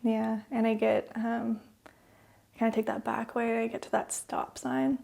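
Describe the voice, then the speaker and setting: A young woman co-hosting a podcast, telling a personal story haltingly with many fillers, sometimes dropping to a whisper. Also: a little high, flat delivery, gravelly, dark tone. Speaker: podcast co-host.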